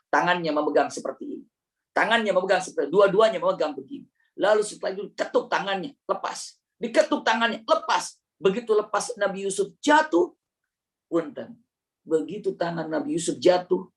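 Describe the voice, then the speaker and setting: A man telling a religious story as a lesson, lively and dramatic, often asking questions. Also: on the high side, far from the mic.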